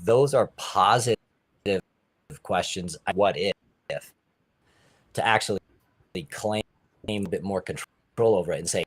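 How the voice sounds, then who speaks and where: A man co-hosting a casual panel chat over a video call, his audio glitching and cutting in and out so his phrases come out halting and broken up. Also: low-pitched, slightly rough, no echo. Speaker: co-host. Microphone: headset on a video call.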